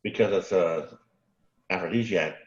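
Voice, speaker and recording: A man with a lowish voice reads a novel aloud in a halting way and corrects his own slips. The sound is roomy and muffled, from off mic. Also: slight background noise. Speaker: class participant reading aloud.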